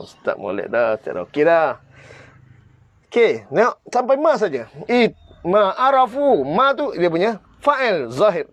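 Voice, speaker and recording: A man's voice: on the high side, no room sound. Malaysian male teacher, live stream class, pushes viewers for answers, raised voice, dry dull sound. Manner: quizzes viewers, presses them to comment and answer. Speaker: Arabic teacher. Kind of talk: live online grammar class.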